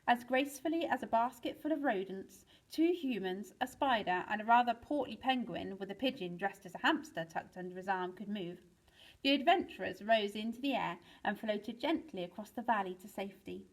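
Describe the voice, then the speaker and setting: A woman teacher reads a children's chapter book aloud at a middle pitch. Her storytelling is lively, and she swings her voice up for the exciting moments. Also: brisk, rough recording. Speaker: teacher reading to pupils.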